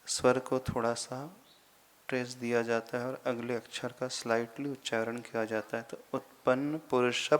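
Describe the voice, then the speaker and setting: A man, a monk teaching Sanskrit verse pronunciation, patiently repeating syllables slowly and deliberately. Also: mid-range voice. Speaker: Jain monk teaching scripture recitation. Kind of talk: slow explanatory lesson on Sanskrit pronunciation.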